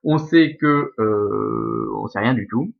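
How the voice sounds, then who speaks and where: A man's voice: mid-range voice, huge pitch swings, slow, creaky, faint music behind. Man teaching Latin verse, muffled recording. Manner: explanatory, checks understanding with frequent "ok?" and "d'accord?". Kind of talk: recorded remote lesson.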